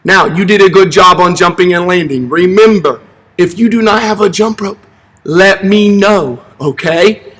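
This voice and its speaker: A man's voice: high voice, measured pace, a bit bright. A young man, a gym teacher, giving children upbeat, encouraging exercise instructions in short simple directions. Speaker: elementary physical education teacher. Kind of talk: instructional fitness demonstration for children. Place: large empty indoor school gymnasium. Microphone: camera a few steps away. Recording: echoey gym, distant camera mic.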